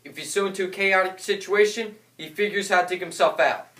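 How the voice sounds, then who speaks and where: On a distant stage in an echoing hall, an actor in a war drama plays a dutiful, battle-tested American paratrooper officer recalling combat, reflective in mood. In a high, sharp voice with a steady tone and slightly fast pace, he declaims and bellows battle orders through monologue and dialogue. The recording is noisy, echoey, and far off.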